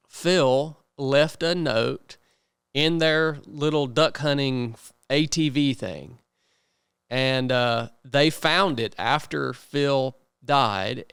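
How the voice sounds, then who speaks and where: Male interview host, very clean smooth tone, medium pitch, earnest and informal, dry close recording. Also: fairly bright tone, no room sound. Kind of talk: casual conversational interviewing.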